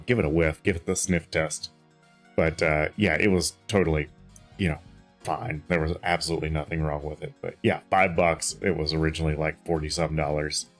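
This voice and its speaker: A tired man streaming a game from home, chatting in a rambling way with lots of fillers and restarts. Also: very deep voice. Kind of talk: casual chat while gaming.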